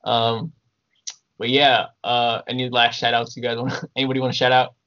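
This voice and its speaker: Young american dude, frat bro podcast host, sweary and slangy, kinda muffled call audio. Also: male voice, mid-range voice, level tone, normal speed, fairly bright tone. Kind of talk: casual podcast banter. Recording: dull lo-fi audio.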